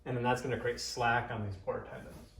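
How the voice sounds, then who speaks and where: A massage therapist and instructor gives an informal hands-on demonstration, thinking aloud and coaching in short cues. His medium-pitched voice is creaky and a bit bright, moves little in pitch, and runs slightly fast. The room echoes, the mic is distant, and there's slight background noise.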